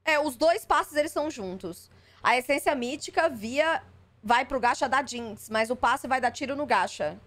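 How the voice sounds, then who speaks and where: Skeptical high-voiced streamer woman. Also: moderate pace, a bit bright. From Brazil. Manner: skeptical, exasperated, swears freely. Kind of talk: live stream reaction.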